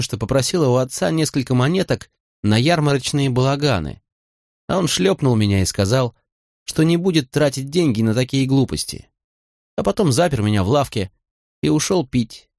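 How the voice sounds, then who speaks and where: A man's voice: mid-range voice, a little mellow, no echo, studio quality, voice pushed up, close to an everyday voice. A man voicing a proud young woman who is hurt and angry, speaking in a raised, reproachful voice. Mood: hollow, calm.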